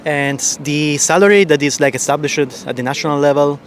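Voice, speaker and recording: Male researcher, measured and hesitant, street interview, light traffic behind. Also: a little high. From Sicily, Italy. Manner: thoughtful, hesitant with restarts. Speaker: postdoctoral researcher. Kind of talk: casual street interview answers. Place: city street outdoors.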